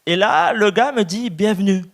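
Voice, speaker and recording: A man with a high voice tells a stand-up story, pausing before each punchline. He talks to the audience in a relaxed, confiding way. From immigrant to Quebec. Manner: storytelling, with timed pauses. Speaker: stand-up comedian. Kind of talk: stand-up routine.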